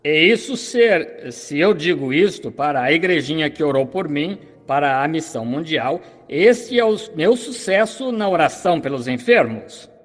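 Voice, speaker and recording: A man's voice: a little high, lively intonation, normal speed, hardly any pauses, a bit bright. A man preaching a sermon in an earnest, fervent way, delivered as a dubbed translation. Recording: long hall reverb.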